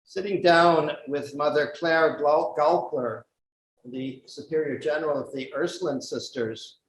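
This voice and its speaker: A bishop leads prayer and reads the gospel, slow and deliberate, his fairly high voice carried by a cathedral echo. Faint church ambience hums underneath the long reverberant tail of each phrase. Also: fairly even intonation, a little hiss or hum. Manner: slow, measured, solemn delivery. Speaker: bishop presiding at Mass. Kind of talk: liturgical prayer and scripture reading. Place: large church.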